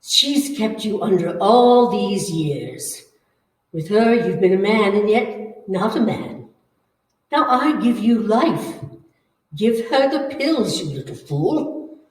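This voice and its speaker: An actress voices a female ghost in a radio horror play, taunting and commanding with a swooping, expressive pitch. The menacing, coaxing spirit craves blood and life, speaking slowly and theatrically with an urgent, goading mood. She sounds distant, recorded far from the mic in an echoey room.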